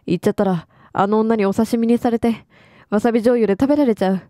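A woman's voice: a little high, steady tone, quick pace, mellow, dry recording, clean studio sound, close to an everyday voice. A woman reading the lines of a self-pitying, debt-ridden woman from a game, complaining in a whiny, dramatic way.

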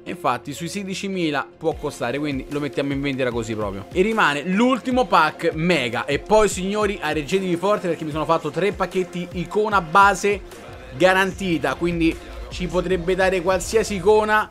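A young man commenting on a video game pack opening, talking straight to his viewers in an excitable, chatty way. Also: high voice, normal speed, faint music behind. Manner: excitable, addresses viewers as "raga". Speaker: gaming streamer.

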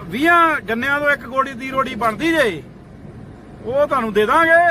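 A man, scolding and threatening people away from his sugarcane field in a comic roadside rant, shouting repeated commands. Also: extremely high pitch, normal speed. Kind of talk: comic outdoor rant to camera. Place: outdoors by a road near fields. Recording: noisy outdoor roadside recording.

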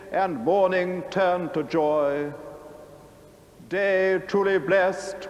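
A clergyman slowly intoning sung liturgy in a large stone church, his voice carried by a cathedral echo. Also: sits high. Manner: slow, solemn, sung intoning. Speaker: clergy leading the Easter vigil. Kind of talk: chanted liturgy. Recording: long echoey church reverb.

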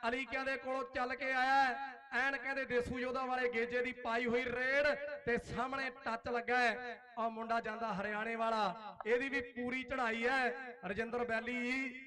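A man calls kabaddi in a frantic rural sports commentary style, with a Punjab accent. His voice is pitched extremely high. A clearly audible crowd surrounds it outdoors. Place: outdoor village sports ground. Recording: loud outdoor crowd, public-address commentary.

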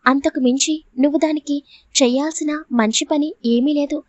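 A woman's voice: high-pitched, fairly even intonation, moderate pace, no echo, lightly acted. A woman reading the part of a grieving, protective elderly grandmother who scolds and pleads tearfully in a storybook reading. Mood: pleading. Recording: dull lo-fi audio.

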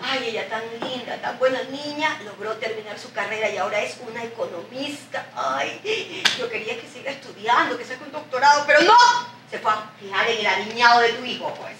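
A woman's voice: a little high, a little fast, noisy background, natural voice. An actress on stage playing a blunt, mocking working-class mother of the bride in a live comedy sketch. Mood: scornful. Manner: mocking, teasing, earthy. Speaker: stage actor. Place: theatre stage. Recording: echoey stage, picked up from far off.

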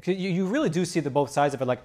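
A man's voice: a little high, expressive, very fast, a little mellow. A young man on a TV studio panel who talks in a rambling way, with many restarts, on a lapel mic.

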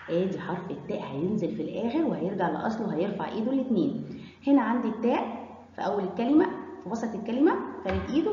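A woman with an Egyptian accent teaching young children their letters, slowly drawing out each syllable in a sing-song voice. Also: fairly high pitch, mellow, slight background noise. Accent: Egyptian Arabic. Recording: echoey hall, dull lo-fi sound.

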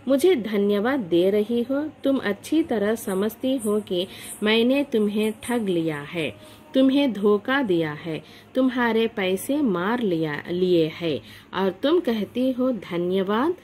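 A stern male employer who scolds and lectures his governess in a sharp, measured voice, as a woman teacher reads his lines. The pace is very slow and deliberate. The pitch sits at a middling level. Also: lively intonation, slight background noise. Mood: scolding.

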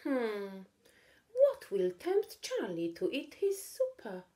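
A woman's voice: high voice, huge pitch swings, slow pace, dark tone, voice pushed up, heavily acted. A woman voicing a patient woman who coaxes a busy child to come and eat, calling out to him. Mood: coaxing. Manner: coaxing, calling out.

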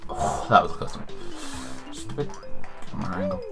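A man's voice: fairly quick, music in the background. A man playing through a game in casual chat, hesitant and muttering, with blunt swearing. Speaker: player on a co-op playthrough.

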